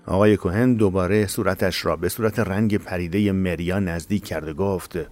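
Low-voiced male audiobook narrator. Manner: steady, measured storytelling. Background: faint music.

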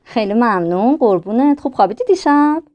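An actress playing a polite, affectionate young nurse in a radio drama. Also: female voice, a little high, lively intonation, lo-fi sound, lightly acted. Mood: polite, warm. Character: young kind-hearted nurse.

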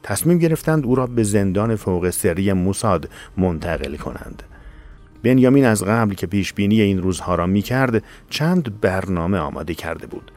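A man narrating a tense audiobook story in a steady, measured way. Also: fairly low pitch. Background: faint music.

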